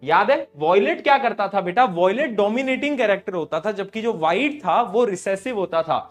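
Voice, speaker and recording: A young male tutor with a high voice and a sore throat, teaching a live online class. He scolds his students in rising, loud bursts, then drops soft and low. Faint music plays underneath. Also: expressive, normal speed.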